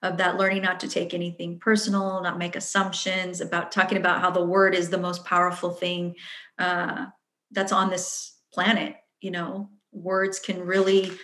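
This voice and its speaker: A woman's voice: fairly low pitch, completely flat delivery, moderate pace, bright, forceful tone. A woman answering interview questions in a chatty way, with many fillers, acting out her own inner voice. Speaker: guest. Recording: roomy echo.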